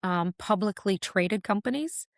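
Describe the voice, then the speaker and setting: A woman podcast guest talking casually, explaining ideas with quick made-up examples. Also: mid-range voice, lively intonation, vocal fry, no room sound, studio quality. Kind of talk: casual interview talk.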